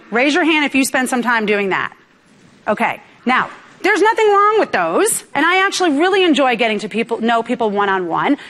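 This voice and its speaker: A woman from New York giving a lively motivational business talk to a live audience, often asking the crowd questions. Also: on the high side. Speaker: business speaker. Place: event room with audience.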